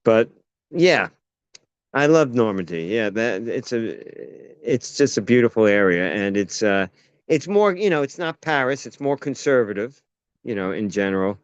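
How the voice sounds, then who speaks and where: An American actor and playwright chats casually, rambling through stories and often restarting his sentences. His lowish voice swings widely in pitch at a moderate pace, with a clean tone in a dry but muffled recording.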